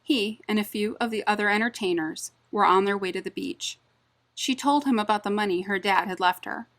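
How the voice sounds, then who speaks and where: A woman reading a cozy mystery audiobook in scripted narration, with steady storytelling delivery. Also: medium pitch.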